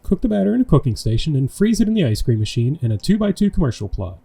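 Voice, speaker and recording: A laid-back man giving casual gameplay commentary with wry little jokes, his voice dark and somewhat husky. His pitch moves around a lot as he reacts to the game. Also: big pitch swings, quick pace. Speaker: let's play host.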